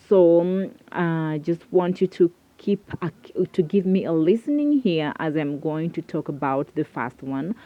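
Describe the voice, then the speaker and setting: Low-voiced woman hosting her video channel. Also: narrow, tinny audio. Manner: repetitive, halting, earnest. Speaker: YouTube host. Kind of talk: casual talk to camera.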